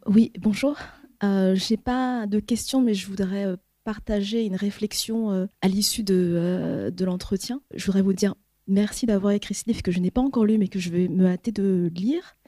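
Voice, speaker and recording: Audience woman; thoughtful, hesitant comment, mellow voice, dry recording. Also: mid-range voice, moderate pace, no room sound. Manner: careful, reflective, with many hesitations. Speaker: audience member sharing a reflection. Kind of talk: audience comment at a public talk.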